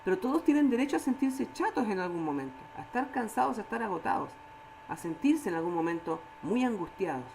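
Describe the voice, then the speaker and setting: Lively Chilean woman teaching scripture. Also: mid-range voice, brisk, vocal fry, slight background noise, rough recording. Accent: Chilean Spanish. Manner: animated, acts out quoted voices, asks "¿cierto?" often. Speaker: Bible study teacher. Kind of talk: Bible study teaching. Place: church.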